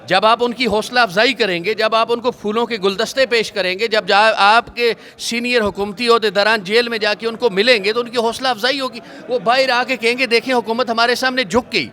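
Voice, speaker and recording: A male religious scholar answering a reporter outdoors, speaking in a measured preaching cadence and citing scripture. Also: very high voice, steady tone, sharp tone. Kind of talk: street interview answers.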